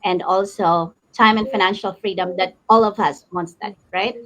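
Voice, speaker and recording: A woman from the Philippines introducing herself as a guest in a live chat, lively and correcting herself as she goes. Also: mid-range voice, moderate pace. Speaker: panel guest. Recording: dull lo-fi call audio.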